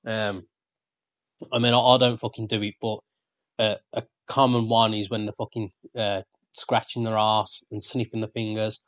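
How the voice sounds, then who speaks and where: A man's voice: on the low side, level tone, moderate pace, a bit bright, no echo. Sweary rambling man, dry sound. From England. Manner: sweary, rambling, laughs often. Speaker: podcast co-host. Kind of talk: casual banter.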